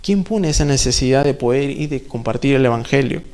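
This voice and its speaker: A man's voice: medium pitch, expressive, fairly quick, darkish tone. A man preaching a sermon in a church, conversational, full of rhetorical questions and playful asides.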